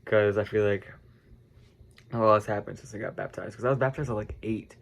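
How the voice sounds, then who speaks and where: Speaking briskly in a gravelly, lowish voice with a steady tone, a congested American teen vlogs to camera. He rambles casually, heavy on "like" and "um," and often stops to correct himself.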